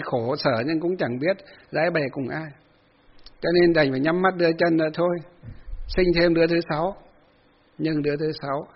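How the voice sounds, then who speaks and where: A man's voice: fairly high pitch, vocal fry, slightly rough, highs cut off. A man giving a folksy Buddhist sermon, telling a story with many fillers and acted-out quotes. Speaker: Buddhist monk giving a dharma talk.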